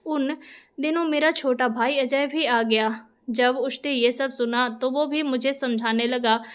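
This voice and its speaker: Woman storyteller, high voice, steady dramatic reading, first-person narration. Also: unhurried, smooth.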